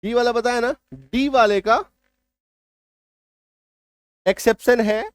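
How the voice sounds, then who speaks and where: A man teaching spelling rules, repeating key points and asking his students whether it is clear. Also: very high-pitched, fairly even intonation, slow pace, no echo, clean studio sound. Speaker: English teacher. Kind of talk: spoken spelling lesson.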